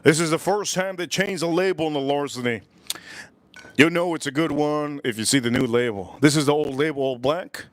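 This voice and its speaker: This American speaker talks briskly in a fairly high voice with no echo. He's reviewing whiskey in casual livestream chat, full of enthusiasm, repeated phrases, and sighs and exclamations between sips.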